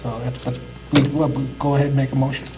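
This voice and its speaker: Brief: man as board president, flat halting delivery, muffled sound with mains hum. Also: mid-range voice. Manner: halting, many uhs. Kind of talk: chairing a meeting. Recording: dull audio with audible mains hum.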